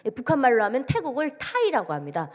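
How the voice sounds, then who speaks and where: A woman's voice: high voice, wildly swooping pitch, fast talker, darkish tone. A woman from North Korea giving a storytelling testimony as guest speaker at a church, acting out the dialogue as she goes. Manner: vivid storytelling, acts out quoted dialogue. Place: large church sanctuary. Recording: long reverb of a church hall.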